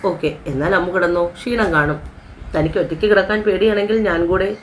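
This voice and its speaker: A woman voicing a caring young husband who gently reassures his new wife in a story. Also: fairly low pitch, fast, slight background noise, close to an everyday voice. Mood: gentle.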